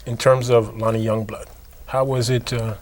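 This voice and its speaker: A man interviewing a guest, asking questions in a soft-spoken way and encouraging her with frequent back-channel replies. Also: medium pitch, level tone, normal speed.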